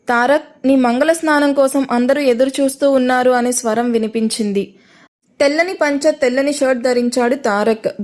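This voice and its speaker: Brief: higher-pitched woman, storyteller reading a serialized romance aloud, one voice for all the characters. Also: darkish tone. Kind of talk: scripted audio-story narration.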